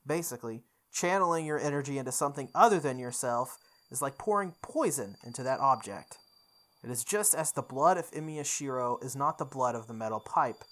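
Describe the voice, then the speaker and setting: This host of a game playthrough reads visual novel narration theatrically, sounding animated, fairly quick and a bit bright in a mid-range voice. Background game music accompanies it.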